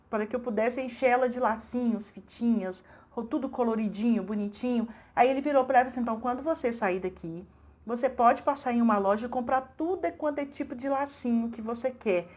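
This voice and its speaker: A Brazilian woman from her own channel, telling a testimony story and acting out the quoted voices with rising excitement. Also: sits high. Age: middle-aged.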